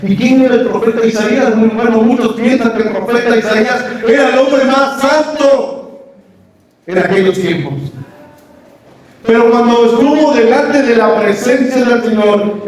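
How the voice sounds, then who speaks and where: A man's voice: very high voice, unhurried, darkish tone. A man, preaching a sermon and asking the congregation questions. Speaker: pastor. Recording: echoey hall, mic far off.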